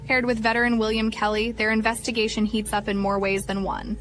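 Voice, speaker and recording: Woman, upbeat book promo, higher voice, light music. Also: level tone, fairly quick, fairly bright tone. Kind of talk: social media book promo.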